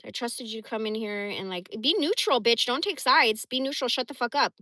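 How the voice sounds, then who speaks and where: Woman, livestream host, blunt and profane, rambling, bright tense voice, dry close sound. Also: a little high, fairly quick, no room sound. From San Francisco Bay Area. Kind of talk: casual livestream storytelling.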